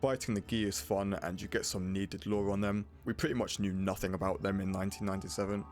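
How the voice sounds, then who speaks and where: Music plays behind a man with a fairly low voice. He narrates a scripted game review, speaking bluntly and casually like an opinionated reviewer. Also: little pitch movement, fast talker, a little mellow. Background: prominent music.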